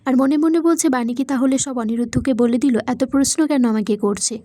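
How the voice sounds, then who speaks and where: A woman reading a plot recap of a TV serial episode, telling the story in a steady way and voicing the quoted lines in the same voice. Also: high voice, fairly quick, no room sound.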